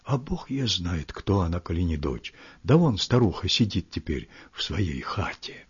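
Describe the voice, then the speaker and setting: A man reading a story, voicing a frightened cossack servant who speaks in a hushed, secretive whisper with a husky voice. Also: sits low, sing-song, measured pace, heavily acted. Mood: uneasy. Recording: muffled lo-fi recording.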